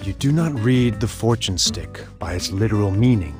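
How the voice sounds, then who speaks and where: Low-voiced stoic monk played by a man. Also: animated, normal speed, natural voice. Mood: matter-of-fact. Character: stoic, principled temple monk. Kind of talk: game voice acting. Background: music.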